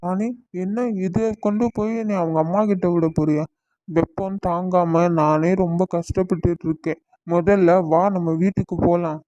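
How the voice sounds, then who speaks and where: A man's voice: high voice, steady tone, moderate pace, mellow, dull audio, close to an everyday voice. A man voicing a grumpy, impatient male crow in a cartoon, grumbling as he talks.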